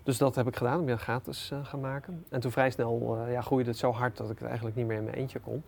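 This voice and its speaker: A middle-aged man, an entrepreneur being interviewed, telling anecdotes in a relaxed, animated way with plenty of fillers. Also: mid-range voice, fast, creaky. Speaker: entrepreneur guest. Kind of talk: casual storytelling interview.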